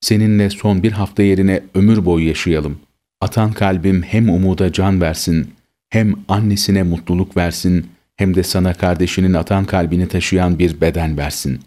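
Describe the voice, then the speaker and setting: A man voicing a dying young sister who speaks in a vision, with gentle, earnest pleading, inside a read-aloud story. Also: deep voice, fairly even intonation, moderate pace, natural voice.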